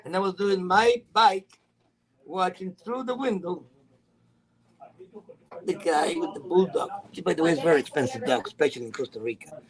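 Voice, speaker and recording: A man's voice: high-pitched, normal speed, pauses often, low-quality recording. A man whose first language is Spanish, telling stories in English in an emphatic, conversational way with loose grammar. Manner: emphatic storyteller with non-native grammar. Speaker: guest. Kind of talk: casual chat.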